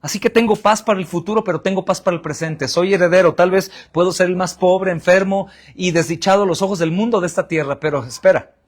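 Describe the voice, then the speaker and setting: High-voiced Mexican pastor preaching. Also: male voice, fast. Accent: Mexican Spanish. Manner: preaching with rhetorical questions and answers; addresses the congregation as brothers. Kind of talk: sermon.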